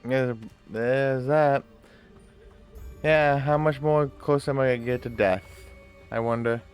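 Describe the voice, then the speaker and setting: Casual male gamer, unhurried pace. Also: medium pitch, fairly even intonation, clear, resonant tone. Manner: offhand, talks back to the game and viewers. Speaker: gamer playing and commenting. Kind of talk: casual gameplay commentary. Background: game music.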